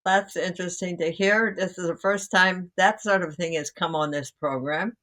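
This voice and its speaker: A woman's voice: fairly low pitch, fairly even intonation, normal speed, a bit bright. Rambling older woman co-host. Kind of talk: casual conversation.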